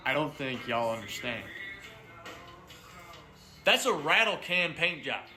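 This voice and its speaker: A man's voice: a little high, very animated, slow, sharp tone, roomy sound, faint music behind, rough recording. A man talking casually through a respirator mask as he spray paints in his home shed, showing how a job is done. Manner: laid-back, enthusiastic shop talk. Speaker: DIY vlogger.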